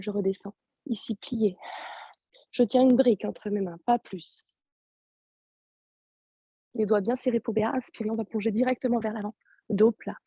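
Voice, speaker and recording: A woman yoga teacher with a sore throat, giving calm, soft-spoken step-by-step cues over a video call. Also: medium pitch, husky, dry recording. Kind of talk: guided yoga class instruction.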